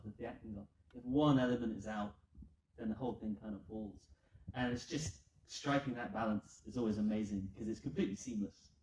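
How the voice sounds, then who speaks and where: A man of middle pitch speaks thoughtfully on a film panel, laying out his points. He sounds distant from the mic, in an echoing room. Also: warm tone, a little hiss or hum. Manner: thoughtful, analytical. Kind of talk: panel answer. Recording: distant, echoey.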